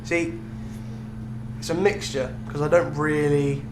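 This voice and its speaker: Speaking slowly in a slightly high voice with fairly even intonation, a young British podcast co-host keeps things casual and chatty. The room echoes and a hum is clearly audible.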